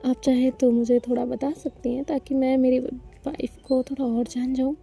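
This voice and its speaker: A playful young bride who teases and coaxes her wife, high and bright in pitch, as a woman storyteller voices her. Her tone is mellow rather than sharp, and soft music plays faintly underneath. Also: little pitch movement, moderate pace, gravelly, slightly rough, exaggerated voice. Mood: teasing. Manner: teasing, coaxing.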